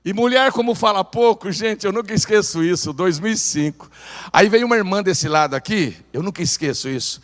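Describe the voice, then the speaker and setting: Male pastor, high-pitched voice, animated sermon, church hall echo. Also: a little fast. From Brazil. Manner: animated, calls on the congregation to repeat phrases. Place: church sanctuary.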